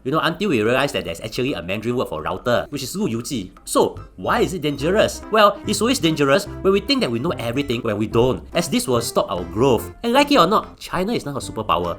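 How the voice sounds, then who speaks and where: A man's voice: mid-range voice, a bit bright. A man with a Singaporean accent narrating an explainer as a video host, dropping Singlish particles like lah. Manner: Singlish particles such as lah at sentence ends. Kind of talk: scripted explainer narration to viewers.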